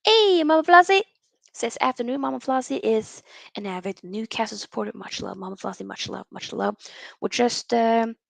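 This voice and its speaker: A young woman from Norway chats animatedly on a football livestream, reading out viewer comments as she goes. Her voice sits a little high and has a gravelly fry. The sound is dry and close. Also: normal speed, no room sound. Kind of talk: casual live-stream chat with viewers.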